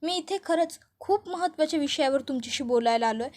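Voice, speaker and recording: A woman's voice: high voice, fast, a little mellow, natural voice. A woman voicing a young man who politely pleads to be heard in a serial recap. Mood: pleading. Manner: pleading, insistent.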